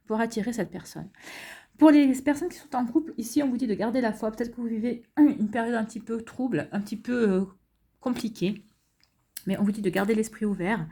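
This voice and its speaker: Woman, mellow tone, casual tarot reading, chatty, reassuring, many ums and restarts. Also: medium pitch. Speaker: tarot card reader. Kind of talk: casual spoken card reading to viewers.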